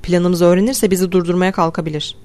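A reader voicing a cautious man who quietly plans a secret escape, speaking in an audiobook. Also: medium pitch, fairly even intonation, quick pace, lightly acted. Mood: conspiratorial. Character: cautious grocery clerk man planning an escape.

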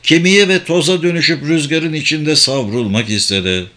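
A man narrating a dramatic audiobook in a steady reading voice. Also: fairly high pitch, moderate pace.

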